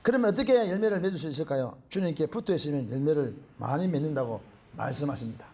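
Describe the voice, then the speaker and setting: A middle-aged Korean pastor, preaching a sermon in an animated way and often calling out hallelujah. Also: male voice, fairly high pitch, quick pace, a little hiss or hum.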